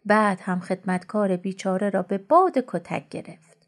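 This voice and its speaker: A woman reading a folk tale aloud in a measured storybook narration. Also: medium pitch, animated.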